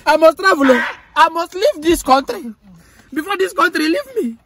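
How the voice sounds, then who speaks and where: Older Nigerian auntie for comedy skit: shrill register, pompous put-on airs, Pidgin-laced, slight background noise. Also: animated, normal speed, pushed and bright, heavily acted. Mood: wailing, dramatic. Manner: pompous mangled English, put-on foreign airs. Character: brash, gullible, dramatic older Nigerian mama boasting of travel. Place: inside a parked car. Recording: noisy car interior recording.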